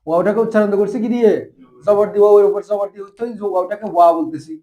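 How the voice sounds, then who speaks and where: A man teaching a classroom grammar lesson. His voice sits high, and he talks quickly, firing rhetorical questions at his students to keep them answering. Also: dark tone, highs cut off. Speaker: madrasa teacher.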